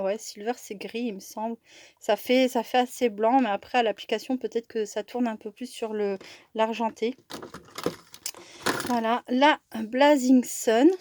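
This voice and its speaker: A woman's voice: a little high, dark tone, no echo. A woman chatting casually through a craft supply haul, hesitant, with many fillers and restarts. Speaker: crafting vlogger. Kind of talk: casual product haul chat.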